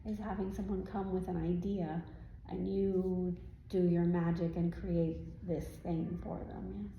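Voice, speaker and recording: This woman sounds as if heard over a phone: a lowish voice, flat and a little slow. She is a trance medium at an indoor live event, voicing a serene spirit guide who answers the audience with instructive guidance in stilted, formal phrasing and frequent questioning tags, amid roomy sound and faint noise.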